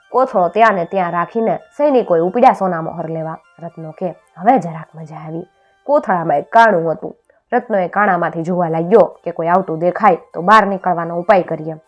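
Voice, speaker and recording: A woman's voice: on the low side, muffled recording. Woman storyteller, playful folk comedy narration, faint music behind.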